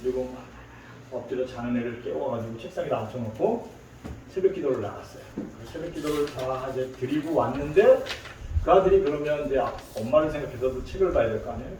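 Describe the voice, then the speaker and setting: A pastor preaches a sermon in a large church sanctuary, telling stories and acting out the voices of the people in them. His medium-pitched voice is warm and fairly quick, heard from far off in an echoey hall with a little hiss or hum.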